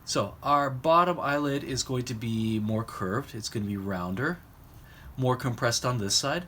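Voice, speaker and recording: A man explaining how to draw eyes and mouths, talking while he sketches and pausing between phrases. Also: mid-range voice, bright, forceful tone, a little hiss or hum. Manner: explanatory, talks while drawing, pauses mid-phrase. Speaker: drawing instructor. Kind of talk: recorded art lesson.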